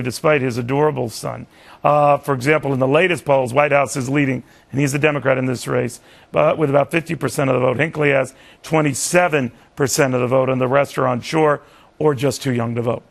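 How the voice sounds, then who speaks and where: A man with a gravelly, medium-pitched voice hosts a TV news interview. His style is conversational, in a broadcast manner, and he often backtracks and repeats his words.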